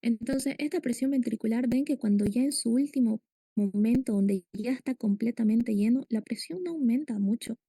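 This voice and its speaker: A female lecturer teaches a medical class, walking through material step by step and questioning her students. Her slightly high voice has a gravelly edge and a mellow, dark tone, delivered at a moderate pace in a dry, close recording.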